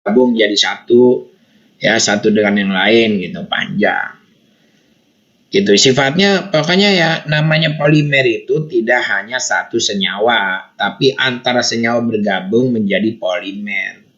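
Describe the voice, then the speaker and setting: A man's voice: on the low side, a little slow, fairly bright tone, muffled recording. A man giving an online lecture over a video call, his audio choppy and dropping out as he explains step by step and checks that students follow.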